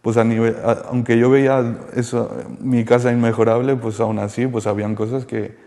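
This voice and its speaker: A man from Colombia, giving a halting, soft-spoken personal testimony in an interview. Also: mid-range voice, level tone, in a large hall. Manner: halting and soft-spoken, circling back with many restarts. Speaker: interviewee sharing a rehabilitation testimony.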